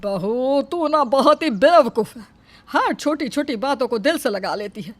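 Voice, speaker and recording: A woman voicing a kind, protective middle-aged mother-in-law in an animated story, gently soothing and scolding. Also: high-pitched, a little slow. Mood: consoling.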